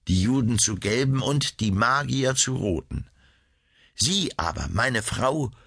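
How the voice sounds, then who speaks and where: A man voicing a cursed young prince who grimly recounts his betrayal, in a grave, measured way. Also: mid-range voice, bright, forceful tone, slightly rough, no echo, studio quality, full character voice.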